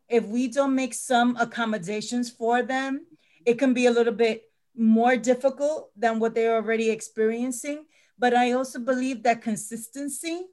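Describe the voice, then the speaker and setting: A middle-aged woman teacher with a slightly high voice speaks earnestly during a panel discussion. She often repeats words to emphasize her point.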